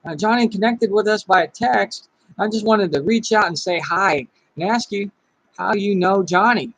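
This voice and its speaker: An upbeat recruiter on a sales call, eager and friendly, in a high, slightly husky voice, as a man acts him out in a training role-play. he keeps the pitch bright and chatty, with a close, dry sound. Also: moderate pace, no echo, rough recording.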